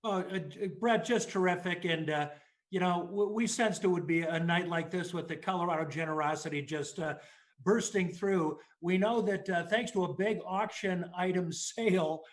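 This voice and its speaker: A man's voice: sits high, moderate pace. A man working as a radio host, making upbeat donation appeals during a benefit broadcast. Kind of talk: broadcast fundraiser hosting.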